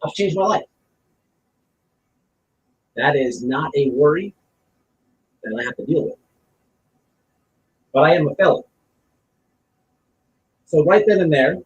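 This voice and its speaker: This online streamer's fairly high voice has lively intonation and a measured pace with frequent pauses, and the sound is lo-fi. He offers blunt, casual, opinionated takes, emphatically repeating phrases and explaining through examples, captured by a distant mic in a roomy space with faint noise.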